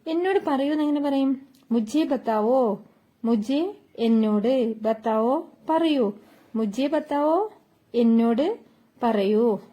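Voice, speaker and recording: A woman's voice: high-pitched, expressive, slow, long pauses, warm tone. A woman teaching Hindi phrases, patiently repeating each one several times. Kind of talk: slow language lesson, repeating each phrase.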